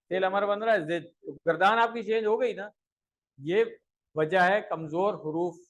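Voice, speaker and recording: Male language teacher, high voice; patient explainer who leads chanted recitation drills. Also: poor audio. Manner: explains in a steady teaching voice, then chants conjugation tables rhythmically; checks understanding with frequent rhetorical asides. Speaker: Arabic grammar teacher. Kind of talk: classroom lesson with recitation drills.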